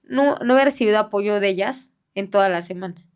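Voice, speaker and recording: A middle-aged woman speaking in a halting, soft-spoken way, with many fillers and restarts, as a bereaved mother giving an interview. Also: medium pitch, clear, resonant tone. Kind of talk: personal testimony in an interview.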